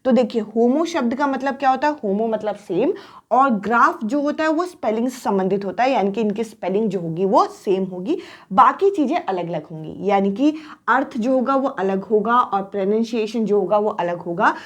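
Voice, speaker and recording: A woman's voice: a little high, lively intonation, moderate pace. A young woman teaching an exam-prep lesson, explaining terms step by step and often saying "dekhiye" to draw attention. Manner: repetitive, frequent "to dekhiye" prompts.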